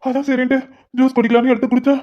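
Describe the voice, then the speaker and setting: A woman's voice: high voice, little pitch movement, rapid-fire, lightly acted. A woman voicing a young businessman husband in a cartoon, polite on calls and wailing when hurt. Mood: pained. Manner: pleading, wailing in pain. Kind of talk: cartoon voice acting. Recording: dull lo-fi sound.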